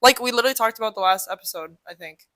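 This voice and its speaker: A woman's voice: on the high side, rapid-fire, bright, forceful tone, no echo. A young woman in her twenties co-hosting a podcast, chatting casually and bluntly with frequent swearing. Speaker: podcast co-host. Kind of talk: casual chat.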